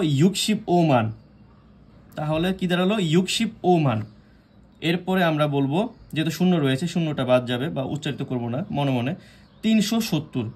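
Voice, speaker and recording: A young man from Bangladesh explains a lesson step by step in a slightly raised voice. He repeats each point, asks his listeners quick questions and answers them himself, with hesitant fillers between the steps. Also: fairly high pitch, a little mellow. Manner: hesitant, frequent fillers and restarts. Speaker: Korean language teacher.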